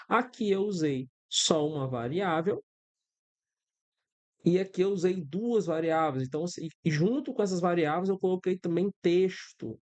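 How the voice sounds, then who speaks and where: A high-pitched voice with a darkish tone comes from a Brazilian programming instructor in his thirties who has a Brazilian Portuguese accent. He teaches a screen-recorded coding lesson step by step, frequently checking in with his students and offering everyday examples.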